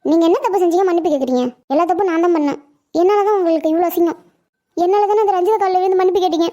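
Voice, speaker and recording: Cartoon role: voice actor doing a high, rapid-fire village housewife with a Tamil Nadu accent, devoted and patient. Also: dark tone. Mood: regretful. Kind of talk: cartoon voice acting.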